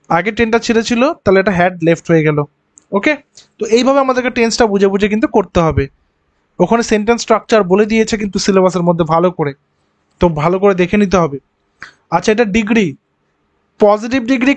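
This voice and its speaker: A man's voice: high voice, no room sound. A male teacher giving an exam-prep grammar lesson, explaining step by step and asking rhetorical questions.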